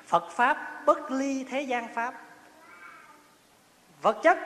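A male Buddhist monk with a high-pitched, slightly bright voice gives a chatty, humorous dharma talk, telling stories, laughing often and asking his listeners questions. The recording picks up slight background noise and a faint ambience in a roomy hall with long reverb.

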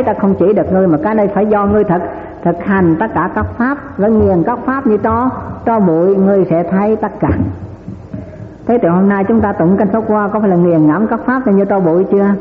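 A man's voice: sits high, a little hiss or hum. A man giving a Buddhist dharma talk, asking his listeners rhetorical questions with chuckling asides. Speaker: Buddhist teacher. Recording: echoey hall over tinny lo-fi line.

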